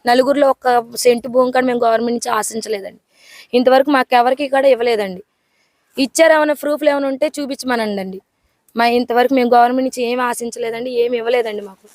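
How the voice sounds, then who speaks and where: A woman's voice: fairly high pitch, fairly even intonation, fast, a little mellow, dry recording. A woman earnestly pleading her case to reporters outdoors, repeating her complaints.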